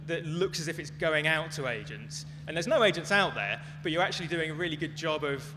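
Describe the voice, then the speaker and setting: Answering audience questions at a live talk, a man offers a loose, hedged explanation in a voice on the high side, brisk, with lively intonation. The large venue echoes, and background noise and hum are clearly audible.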